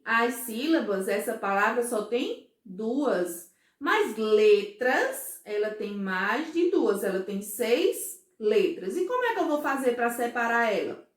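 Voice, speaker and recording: A Brazilian woman teaching young children, with a fairly high voice and a very slow, patient delivery. She keeps checking that the class follows along. The recording is echoey, as if made in a bare room. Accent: Brazilian Portuguese. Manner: slow, patient, asks children "certo?" and "ó" often. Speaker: first-grade teacher.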